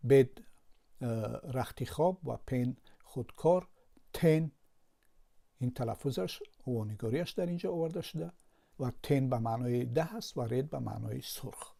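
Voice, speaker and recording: A man's voice: medium pitch, vocal fry, dark tone. A man with a Tajik Persian accent, a language teacher patiently explaining a lesson with word examples.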